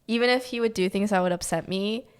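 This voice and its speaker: A woman's voice: medium pitch, quick pace, smooth. Chatty young woman podcast guest. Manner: rambling, heavy use of "like". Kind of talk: casual chat.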